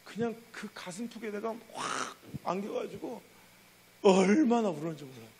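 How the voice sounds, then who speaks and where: A middle-aged pastor tells a story from the pulpit in a church with animated, emotional energy. His voice sits high for a man and carries a gravelly edge. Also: normal speed, a little hiss or hum, poor audio. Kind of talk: sermon storytelling.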